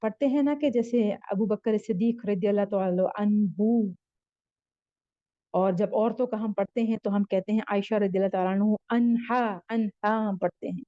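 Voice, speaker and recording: A woman teaching Arabic grammar in a slow spoken lesson, patiently repeating each word form with its meaning. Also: mid-range voice, dry recording, muffled recording.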